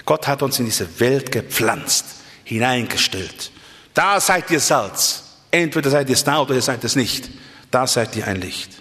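A man's voice: moderate pace, a bit bright, in a large hall. A man preaching a sermon, impassioned and emphatic, who repeats himself and speaks straight to his listeners. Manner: impassioned, swings between low and high pitch, emphatic repetition; addresses listeners directly, with asides.

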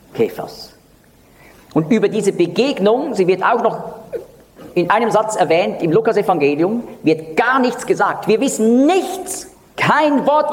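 A man giving Bible teaching, expressive, rising for emphasis and dropping low and soft when he quotes dialogue. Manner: expressive, lively pitch for emphasis. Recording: long reverb of a large hall.

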